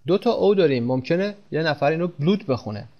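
A man teaching English pronunciation in Persian, speaking slowly and repeating example words with stress. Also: a little high, expressive, lo-fi sound. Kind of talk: pronunciation lesson.

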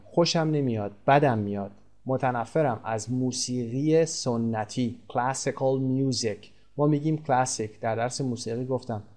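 A man whose first language is Persian teaches an English lesson, breaking each rule into small steps. His voice sits in a middle register for a man. When he reads the English sample phrases, he slows right down and stretches them out. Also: medium pitch, a little mellow. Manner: explains step by step, switches to slow drawn-out English examples.

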